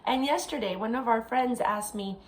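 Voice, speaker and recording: A woman co-hosting a casual chat, talking in an animated, chatty way and laughing often. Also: fairly high pitch, normal speed, a little hiss or hum. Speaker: co-host.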